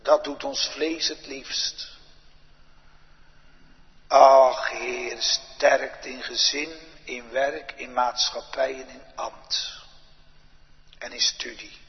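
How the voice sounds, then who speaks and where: A pastor praying aloud from the pulpit in a slow, solemn litany of petitions, recorded in a large church. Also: male voice, mid-range voice, fairly even intonation. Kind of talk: pulpit prayer. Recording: dull lo-fi church recording with long reverb.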